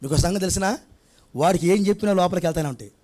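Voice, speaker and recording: A man's voice: high-pitched, racing, darkish tone. A man preaching a sermon, asking rhetorical questions and acting out little scenes. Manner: conversational preaching, rhetorical questions, acts out child and grandfather. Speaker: pastor. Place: church prayer hall.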